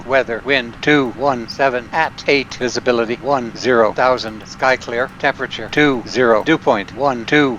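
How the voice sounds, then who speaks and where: A man's voice: medium pitch, a bit bright, dull audio, a little hiss or hum. A man reading an automated airport weather broadcast over aviation radio, spelling out codes and numbers in a clipped, formal readout.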